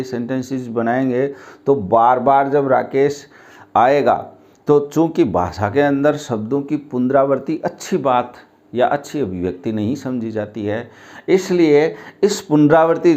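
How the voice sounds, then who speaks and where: Slow, patient male teacher. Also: medium pitch, a little mellow, lo-fi sound. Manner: slow, explains step by step and asks questions. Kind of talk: grammar lesson at a board.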